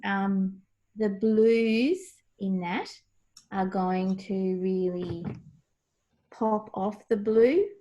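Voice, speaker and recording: A woman's voice: medium pitch, fairly even intonation, drawn-out words, mellow, highs cut off, slight background noise. A middle-aged woman chatting casually as she shows things on a video blog, recorded at home over a video call. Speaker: co-host of a craft video blog. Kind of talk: casual show-and-tell chat.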